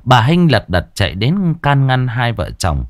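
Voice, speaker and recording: A man narrating an audio story in a dramatic, expressive reading. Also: mid-range voice, unhurried, no echo, studio quality.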